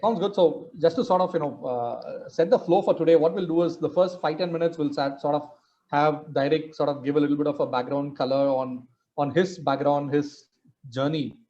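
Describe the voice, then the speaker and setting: Male moderator, Indian English accent, informal and rambling, mildly high-pitched, heard over a slightly lo-fi online call. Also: moderate pace, mellow. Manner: loose, rambling phrasing with "sort of" and "you know". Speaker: host, moderator. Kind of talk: informal online interview hosting.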